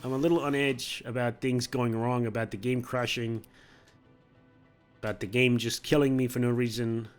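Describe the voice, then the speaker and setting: A man's voice: mid-range voice, level tone, moderate pace, soft background music. A man hosting a gameplay video, talking himself through careful moves in casual commentary and chuckling now and then.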